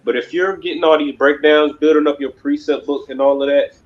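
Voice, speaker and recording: The instructor of a religious class, a man, lectures in a slightly high, steady voice at a somewhat fast clip. He's emphatic and rambling, constantly dropping fillers like "you know what I mean." The audio is dull.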